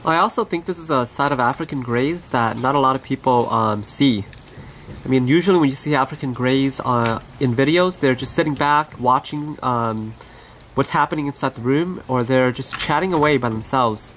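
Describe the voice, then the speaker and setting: A pet bird owner and channel host gently narrating pet footage in a casual, conversational way, recorded on the camera mic in an outdoor aviary. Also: mid-range voice, normal speed, slight background noise.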